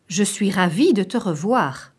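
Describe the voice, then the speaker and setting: A woman teaching a vocabulary lesson, saying each short phrase slowly and distinctly so learners can repeat it. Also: mid-range voice, animated, a little mellow, slightly rough. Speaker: language teacher. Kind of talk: slow, clearly spoken vocabulary lesson.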